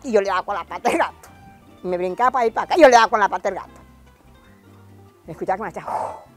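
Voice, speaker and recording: An older woman with a Venezuelan accent, telling lively stories from her childhood in an interview and acting out cries in a high voice. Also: rapid-fire, soft background music. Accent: Venezuelan Spanish. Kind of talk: lively storytelling.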